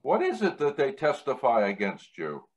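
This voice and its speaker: A man reading the part of an indignant, interrogating high priest in an amateur church dramatic reading. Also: wildly swooping pitch, normal speed. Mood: stern questioning.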